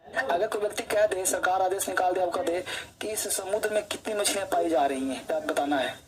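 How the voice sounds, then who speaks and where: A man's voice: high voice, brisk, slight background noise, low-quality recording. A male English teacher giving an online coaching lecture, chatty, who keeps quizzing his students and tells personal stories while he teaches.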